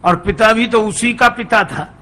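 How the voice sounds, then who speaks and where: A religious preacher with a fairly high voice and a sharp tone delivers a humorous storytelling sermon at a measured pace, acting out each character's dialogue as he goes. The hall is echoey, with faint ambience.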